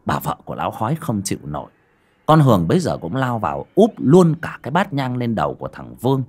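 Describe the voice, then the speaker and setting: A man's voice: lowish voice, huge pitch swings, quick pace, darkish tone, husky. A man narrating an audiobook story in a dramatic manner. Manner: dramatic, varied delivery.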